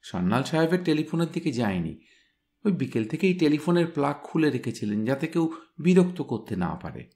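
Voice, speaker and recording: A man reading a story aloud, voicing a smart young woman who briskly recounts a crime scene. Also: fairly high pitch, sing-song, a little mellow. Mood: animated, brisk.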